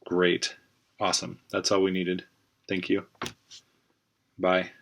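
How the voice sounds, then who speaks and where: A very low-voiced man talks through his computer screen for a class project, at an easy, rambling pace and with plenty of "uh"s. He speaks into a webcam mic at home, and faint noise sits behind him. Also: takes it slowly, gravelly. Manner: relaxed, rambling, frequent fillers. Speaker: student making a class screencast. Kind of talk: casual screen-recording narration.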